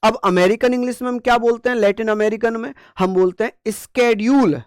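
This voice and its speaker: A man's voice: very high-pitched, fairly quick, smooth, no echo. A man teaching an exam-prep class, who asks questions and answers them himself in a repetitive call-and-response way, with playful mnemonics and scolding asides. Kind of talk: online coaching class lesson.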